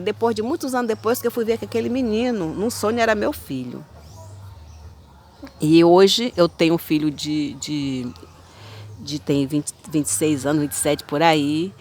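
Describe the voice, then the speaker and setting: A woman in her fifties with a Brazilian accent, telling her own dreams in a rambling, repetitive, halting way. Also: on the low side. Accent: Brazilian Portuguese. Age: 50s. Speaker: spiritual channel host. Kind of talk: personal testimony of dreams.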